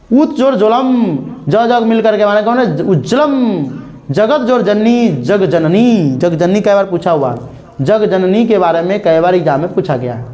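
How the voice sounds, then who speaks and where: A young man with a Bihar Hindi accent teaches a grammar lesson, his voice sitting notably high. He spells out each example slowly, repeating words, and keeps checking with students whether it is clear. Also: darkish tone.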